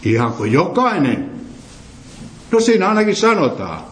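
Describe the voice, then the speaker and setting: A man's voice: sits high, very animated, a little hiss or hum. A man preaching an interactive sermon, emphatic, quizzing his listeners with questions. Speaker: preacher leading a Bible study. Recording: roomy echo.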